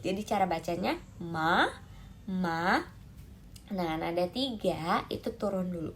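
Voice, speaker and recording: A woman with a fairly low voice teaches Mandarin tones to camera, calling out demonstration syllables and drawing them out with liveliness. Slight background noise can be heard.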